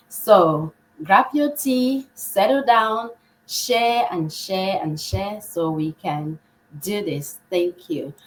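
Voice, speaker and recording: A woman's voice: medium pitch, slight background noise, poor audio. Upbeat woman hosting a live podcast. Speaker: podcast host.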